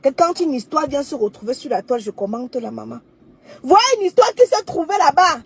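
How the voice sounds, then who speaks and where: A young adult woman, talking on a livestream in an emphatic, declaiming way that swings between soft and loud. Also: sits high, expressive, brisk, vocal fry, slight background noise. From Cameroon. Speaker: live streamer. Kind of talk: livestream monologue.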